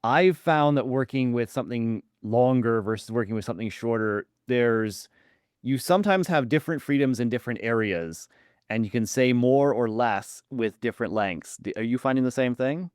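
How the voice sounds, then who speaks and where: This podcast host's voice is mid-range, darkish, clear and resonant, captured in a dry, studio-quality recording. He opens the interview by reading a scripted introduction. After that he talks loosely, with pauses and fillers.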